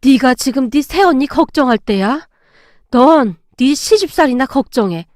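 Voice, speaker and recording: A woman's voice: high-pitched, lively intonation, moderate pace, darkish tone, no echo, studio quality. A woman voicing a petulant, self-pitying older mother-in-law who complains. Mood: whiny. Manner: whiny, complaining.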